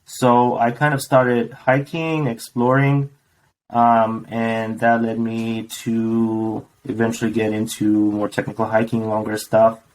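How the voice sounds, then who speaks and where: A man in his forties from Romania, a podcast guest answering thoughtfully, with many pauses and ums. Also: medium pitch, monotone, poor audio. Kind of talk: casual interview.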